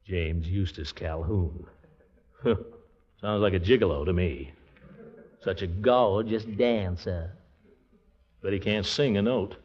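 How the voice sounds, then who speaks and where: An actor playing a pompous, blustering middle-aged uncle in a 1940s radio comedy, exclamatory and theatrical. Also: male voice, low-pitched, slow pace, long pauses, breathy edge, full character voice. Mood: jealous grumbling. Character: pompous, blustering middle-aged uncle, vain small-town big shot. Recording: muffled vintage 1940s radio recording.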